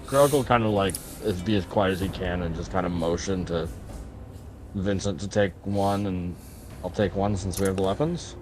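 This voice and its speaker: A man's voice: low-pitched, moderate pace, noisy background. A man playing in a tabletop game, speaking in a hesitant, mumbling way. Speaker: player. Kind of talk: casual chat during a tabletop game. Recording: music playing behind the voice.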